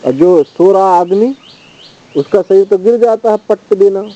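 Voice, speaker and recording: A man teaching as a swami, reciting Sanskrit verses and then explaining them in a measured, steady commentary. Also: sits high, a little hiss or hum. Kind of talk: scripture study commentary. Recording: dull lo-fi recording.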